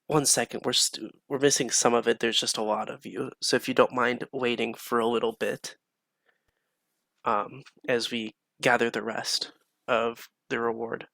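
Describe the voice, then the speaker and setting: A man's voice: mid-range voice, flat delivery, normal speed, vocal fry, bright, forceful tone, dry recording. A man voicing a stern but polite woman innkeeper who speaks formally and courteously. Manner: formal, courteous, slightly reproachful.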